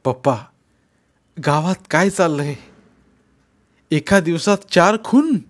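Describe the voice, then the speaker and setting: A man's voice: on the high side, slow pace, pitched above the performer's own voice. A man plays a worried grown son with an earnest, pleading tone and a slightly raised voice. He presses his questions in a storybook reading. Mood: urgent.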